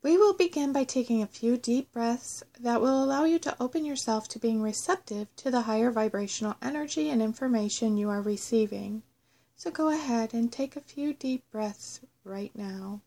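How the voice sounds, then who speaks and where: A woman narrating a scripted guided meditation in a measured, instructional way. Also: on the high side, warm tone. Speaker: host of a guided self-love meditation audio.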